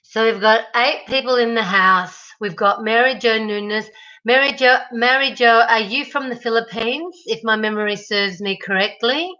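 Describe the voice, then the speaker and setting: A woman's voice: on the high side, moderate pace, bright, forceful tone, dull audio. A middle-aged Australian woman chatting casually with viewers on a live stream, greeting them by name.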